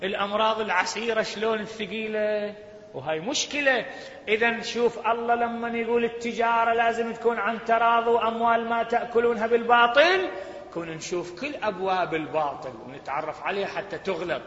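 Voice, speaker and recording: A man's voice: high-pitched, fairly even intonation, fast talker, a bit bright. A man with an Iraqi Arabic accent preaching a sermon with an impassioned delivery that rises and falls. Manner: impassioned, rising and falling delivery. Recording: echoey hall, dull sound.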